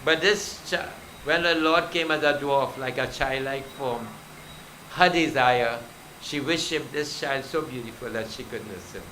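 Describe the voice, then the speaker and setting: A man's voice: medium pitch, unhurried, pushed and bright, slight background noise, rough recording. A male pundit preaching a devotional sermon, telling scripture stories and exhorting the devotees. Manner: exhorting, storytelling, addresses devotees.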